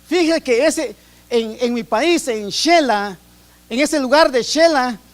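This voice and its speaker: Very high-voiced Guatemalan preacher. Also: male voice, takes it slowly. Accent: Guatemalan Spanish. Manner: earnest, repeats and restarts phrases while preaching. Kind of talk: sermon.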